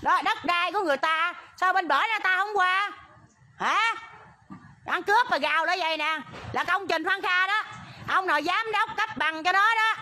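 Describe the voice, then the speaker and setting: Outdoors by a road near a school, a middle-aged protester with a Southern Vietnamese Mekong Delta accent makes an impassioned livestream appeal about a land dispute. Her voice is very high-pitched, bright, and forceful at a moderate pace, and she agitatedly pleads, repeating "there" as she points things out.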